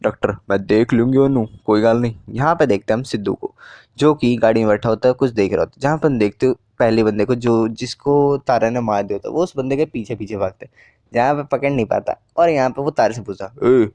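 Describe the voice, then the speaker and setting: A man's voice: mid-range voice, fast talker, mellow, no room sound. A man casually retelling a movie plot, slangy and joking, and acting out the lines. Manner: slangy, joking, acts out the dialogue. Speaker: movie recap narrator.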